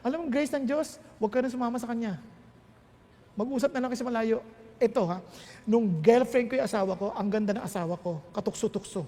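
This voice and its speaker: A man's voice: very high-pitched, fast talker, warm tone, long reverb tail. A middle-aged Filipino man preaching a sermon, mixing languages in a playful, emphatic way. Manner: switches between Tagalog and English, playful and emphatic. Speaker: pastor.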